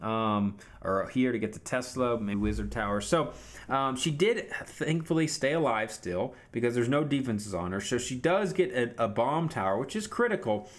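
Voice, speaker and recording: A man talking through a strategy game replay in a relaxed, chatty way. He coaches viewers and talks straight to them. His voice sits at an ordinary middle pitch. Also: moderate pace. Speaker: video game commentator. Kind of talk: casual gameplay recap commentary.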